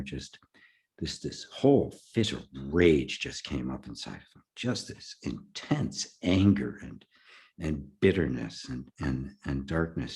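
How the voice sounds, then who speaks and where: Older male spiritual teacher, very low voice, halting, storytelling. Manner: halting, repeats words, soft laughs. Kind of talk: personal storytelling in conversation.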